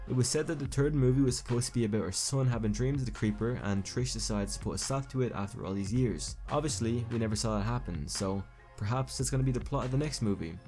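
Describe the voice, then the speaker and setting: Speaking at a medium pitch with a darkish tone, a young man offers laid-back video commentary for his YouTube film channel. Recorded on a home microphone, he meanders, trips over words, and keeps fixing what he's saying partway through.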